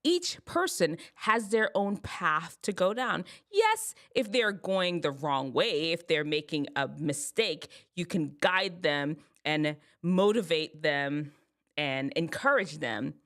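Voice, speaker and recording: Animated woman telling a story. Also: deep voice, slow pace. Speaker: host giving advice to teens. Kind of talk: casual storytelling and advice.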